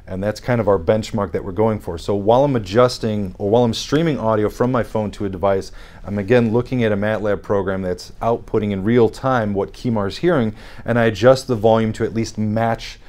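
Low-voiced man explaining technical testing. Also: steady tone, a little mellow. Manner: measured, precise, explanatory. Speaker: guest audiologist. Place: dim studio set, seated in armchair.

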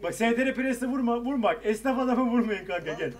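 A young man with a very high voice calls the shots for his party, hammering the same short orders again and again. He swears freely and keeps cracking up with laughter between commands, talking into a headset. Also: expressive, fast. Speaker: raid commander in an online game. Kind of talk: shouting commands over game voice chat.

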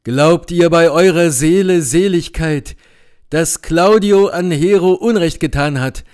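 A man's voice: fairly high pitch, a little slow, a little mellow, clean tone, voice pushed up, lightly acted. A man voicing a gallant young nobleman, earnest and devoted, speaking in vowing declarations in an audiobook. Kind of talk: audiobook character reading.

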